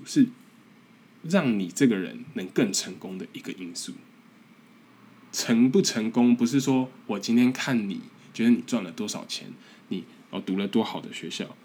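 A young man with a Taiwanese Mandarin accent hosts a casual podcast monologue. His voice sits fairly low and has a husky grain. He talks in an earnest, encouraging way and pokes fun at himself. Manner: earnest, encouraging, self-deprecating. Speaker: podcast host.

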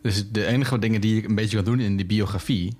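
A man's voice: on the low side, steady tone, fast talker, a little mellow. A man hosting a podcast in casual chat, chatty and laughing easily. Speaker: podcast host.

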